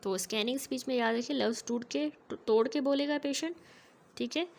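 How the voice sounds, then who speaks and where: Methodical woman lecturer, fairly high voice. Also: a little fast, creaky, a little mellow. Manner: methodical, keeps checking in with "ठीक है". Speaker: medical lecturer. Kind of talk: explanatory medical lecture.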